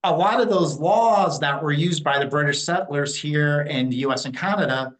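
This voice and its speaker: A man's voice: on the high side, normal speed, fairly bright tone, low-quality recording. Blunt, opinionated New Jersey man. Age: 50s. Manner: blunt and opinionated, with frequent fillers. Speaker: interview guest, Native community liaison. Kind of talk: candid conversational interview.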